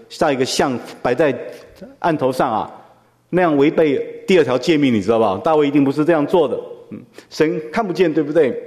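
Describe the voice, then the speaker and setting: A man's voice: fairly high pitch, a little mellow. Preaching man in a reverberant hall. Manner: conversational teaching with frequent rhetorical questions. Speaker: pastor. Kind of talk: sermon.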